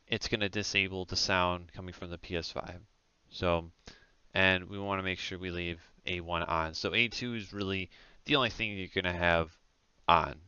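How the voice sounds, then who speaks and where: A man with a low-pitched voice narrates a casual software tutorial, explaining step by step in an informal, hesitant, halting way with a bright, crisp delivery. He's on a close headset mic that sounds dull and lo-fi, with no echo.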